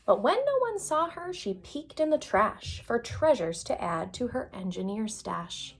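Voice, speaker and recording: Female storyteller, children's read-aloud, very unhurried, fairly high pitch, expressive, dramatic emphasis. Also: poor audio. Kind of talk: expressive children's picture book reading.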